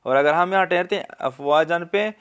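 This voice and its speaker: A man with a Pakistani Urdu accent, speaking in a smooth, resonant voice that sits a little higher than most men's. He teaches Quran recitation step by step, stretching the verses out slowly and melodically to show each sound. His explanations are patient and practical. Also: a bit bright. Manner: asks the listener if they understood. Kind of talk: tajweed lesson with slow demonstration recitation.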